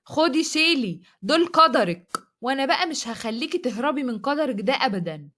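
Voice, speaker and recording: A woman's voice: high voice, big pitch swings, a little fast, bright, forceful tone, exaggerated voice. A woman voicing an arrogant, cruel man who orders his wife around, in an Egyptian Arabic accent and a scornful, commanding manner. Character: arrogant cruel young man, domineering husband.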